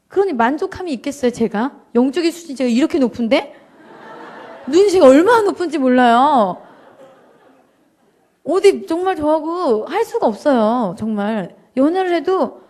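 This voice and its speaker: A woman giving an emotional, animated church testimony to a congregation, acting out her prayers and joking with the audience. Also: high voice. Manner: addresses the audience directly and jokingly. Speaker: guest speaker giving a personal testimony.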